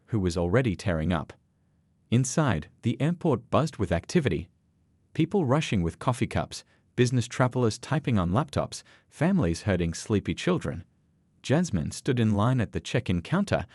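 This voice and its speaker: A man narrating a scripted story in an expressive storytelling manner. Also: lowish voice, no room sound.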